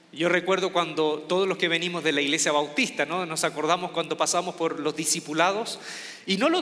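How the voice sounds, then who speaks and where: This high-voiced man is a pastor from Chile who speaks with a Chilean Spanish accent. His sermon is casual and chatty, with frequent restarts and a self-deprecating tone. The fairly bright sound trails off with a long reverb tail.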